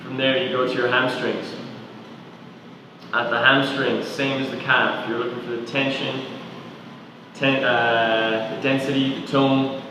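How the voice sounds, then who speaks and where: Male movement coach, calm guided body-scan cues, distant mic, roomy reverb. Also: medium pitch, a little slow, background noise. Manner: calm, questioning, step-by-step cues. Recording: echoey roomy sound from far off.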